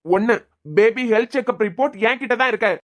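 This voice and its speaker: Using her natural voice, a little high and fast, a woman with a Kanyakumari Tamil accent performs a cartoon role as a stern young male doctor. He interrogates and scolds in a pressing way.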